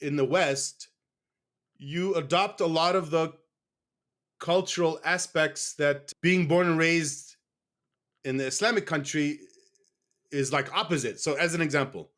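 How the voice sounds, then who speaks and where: A man's voice: fairly high pitch, measured pace, pauses often, a bit bright. A man from the United States speaking in a casual interview as a guest, candid and rambling, often stopping to correct himself.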